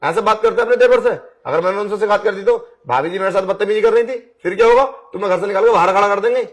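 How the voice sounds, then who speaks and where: A man's voice: medium pitch, moderate pace, natural voice. A man voicing a pushy blind young man in an audio drama, coaxing and insistent in his talk. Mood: wheedling. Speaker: voice actor. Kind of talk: Hindi audio drama acting.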